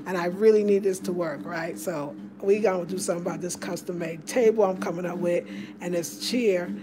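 A woman giving a chatty, excitable home tour to her viewers, filmed on a handheld phone in a small room. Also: lowish voice, brisk, a crowd in the background. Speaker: home decor vlogger. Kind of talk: casual home tour vlog. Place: small room of a house indoors. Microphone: handheld phone camera.

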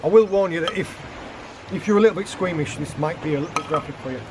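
A fast-talking guest forager in his thirties, voice on the high side, demonstrates cooking on a rocky beach with background noise around him. He casually explains, step by step, how he prepares the seafood as he works with his hands.

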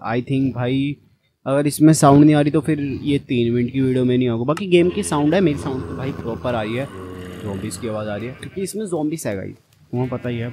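Brief: young man, casual game commentary, mid pitch, faint music behind. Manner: chatty, addresses viewers as brother. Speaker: gaming channel host.

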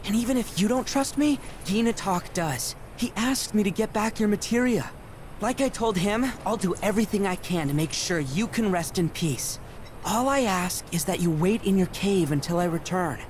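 An earnest young beast. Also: male voice, high-pitched, animated, normal speed, a little hiss or hum. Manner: earnest, determined. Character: young male beast, earnest son of a fallen guardian. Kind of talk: game cutscene voice acting.

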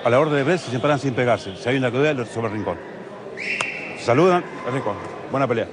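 A man's voice: mid-range voice, animated, quick pace. A man refereeing in a boxing ring, giving brief instructions to fighters. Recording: distant, amid clear crowd noise.

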